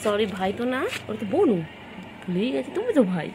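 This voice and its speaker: A woman's voice: on the high side, very animated, brisk, noisy background. A woman talking doting, repetitive baby talk to her pet cats while filming them. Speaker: pet vlogger.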